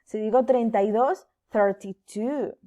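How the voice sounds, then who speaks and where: Slow, patient woman teacher. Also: a little high, warm tone. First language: Spanish. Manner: slow, drawn-out, exaggerated pronunciation drills. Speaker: English teacher. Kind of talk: bilingual classroom lesson for children.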